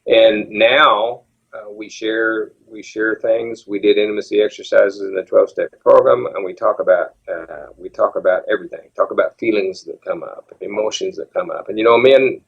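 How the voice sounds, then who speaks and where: A man's voice: lowish voice, moderate pace, gravelly, slightly rough. A man in his seventies, talking openly and reflectively as an interview guest, often restarting his sentences. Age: 70s. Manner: earnest, reflective, frequent restarts. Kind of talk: candid interview talk. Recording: dull lo-fi audio.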